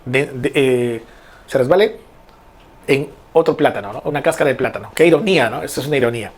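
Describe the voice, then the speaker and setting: A man teaching an online class who explains slowly, repeats his key words and keeps asking the students questions. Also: mid-range voice.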